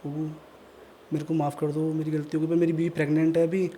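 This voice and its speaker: A man's voice: fairly high pitch, completely flat delivery, fast, warm tone, a little hiss or hum, natural voice. Man voicing a terrified young husband pleading. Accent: Pahari Hindi. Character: terrified young husband begging for his life.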